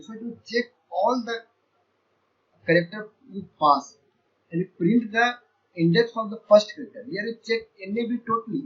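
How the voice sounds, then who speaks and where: High-voiced man teaching code, lo-fi sound. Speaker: programming teacher. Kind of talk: screen-share coding lecture. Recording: dull lo-fi sound.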